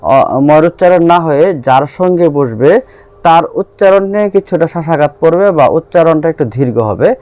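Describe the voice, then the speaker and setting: A man, teaching a grammar lesson step by step with frequent pauses and fillers. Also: a little high, lively intonation, a little mellow, no room sound.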